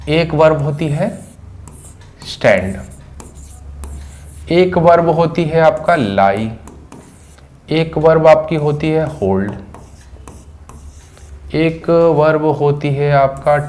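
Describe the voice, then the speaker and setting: A middle-aged man teaching an English grammar lesson. He explains slowly and repeats phrases word by word. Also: fairly high pitch, a little mellow.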